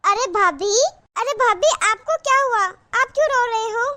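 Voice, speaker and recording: A woman voicing a bright chatty young sister. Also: extremely high pitch, animated, normal speed, slight background noise, heavily acted. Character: cheerful young married sister visiting her brother. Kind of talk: cartoon voice acting.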